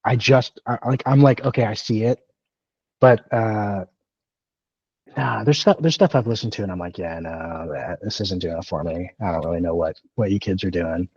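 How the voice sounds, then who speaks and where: Man in his thirties, podcast co-host, casual rambling chat, somewhat low voice, dry close sound, slightly dull audio. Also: moderate pace, darkish tone, slightly rough, no echo. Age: 30s. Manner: rambling, self-deprecating, many fillers and restarts.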